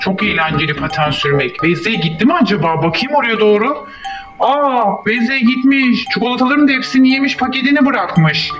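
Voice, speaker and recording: Guy voicing a whiny toy neighbor dude, super high pitched, far off in a roomy space. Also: animated, brisk. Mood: relieved. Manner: plaintive, childlike complaining. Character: whiny toy neighbor man wanting his skates. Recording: echoey room, voice from far off. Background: music.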